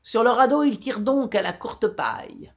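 A woman's voice: animated, normal speed, creaky. A woman doing a jeering old sailor. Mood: mocking. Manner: laughing, teasing, high and loud.

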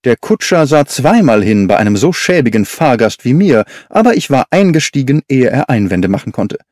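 A man narrating an audiobook as a lively, expressive storyteller, recorded close in a studio. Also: medium pitch, normal speed, dry recording. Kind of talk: scripted literary narration.

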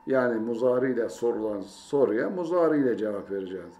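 A man's voice: medium pitch, lively intonation, fast, warm tone. A man teaching a language lesson, saying each phrase twice and then translating it. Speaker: Arabic teacher. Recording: roomy echo, faint ambience.

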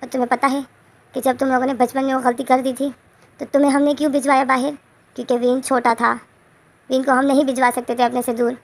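A woman's voice: high-pitched, level tone, quick pace. A woman voicing an angry mother who scolds her grown son and repeats herself. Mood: scolding.

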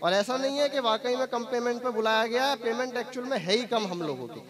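High-pitched man joking on stage. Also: fast talker. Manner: chatty, teasing, keeps assuring the audience he is telling the truth. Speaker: stand-up poet. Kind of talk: live comic poetry stage patter. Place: poetry gathering stage before a live audience. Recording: lively crowd reacting behind.

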